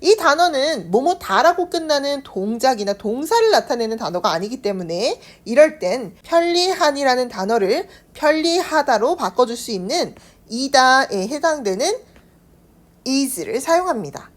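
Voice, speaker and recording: A woman teaching English in a scripted online lesson, with a Korean accent. She explains slowly and carefully and draws out the model sentences. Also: sits high, very animated.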